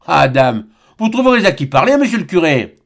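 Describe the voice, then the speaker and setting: A man voicing a scornful old atheist of about eighty who talks roughly and mockingly. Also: on the high side, sing-song, fairly quick.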